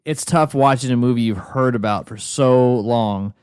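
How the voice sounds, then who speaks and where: A man's voice: medium pitch, moderate pace, darkish tone, smooth, no room sound, studio quality. A man co-hosting a film podcast in casual chat, rambling with many fillers and restarts. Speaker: podcast co-host.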